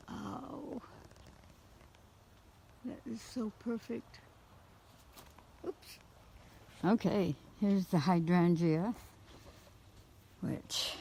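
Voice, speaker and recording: A woman's voice: on the low side, mellow, a little hiss or hum, poor audio. A middle-aged woman walking outdoors through her home garden, pointing out flowers with gushing enthusiasm on a camera mic. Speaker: gardener giving a garden tour. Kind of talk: casual walking garden tour.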